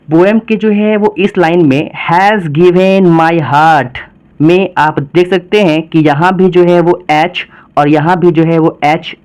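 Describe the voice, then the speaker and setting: A man's voice: a little high, a little mellow, clean tone, poor audio. Man teaching a poem with many fillers. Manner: heavy use of filler phrases, slow emphatic repetition of key terms. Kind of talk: explaining a poem to students.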